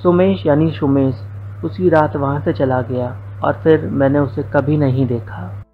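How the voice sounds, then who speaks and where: A man's voice: a little high, fairly even intonation, measured pace, phone-quality sound, a little hiss or hum. A young man narrating a first-person story, with quoted dialogue folded into his telling.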